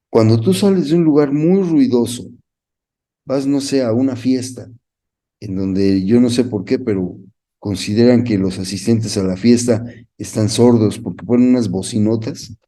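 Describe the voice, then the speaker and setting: A man's voice: fairly low pitch, mellow. A man with a Mexican Spanish accent gives a Bible lesson, reading scripture aloud and asking the listener questions. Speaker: Bible course teacher. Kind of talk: Bible teaching talk.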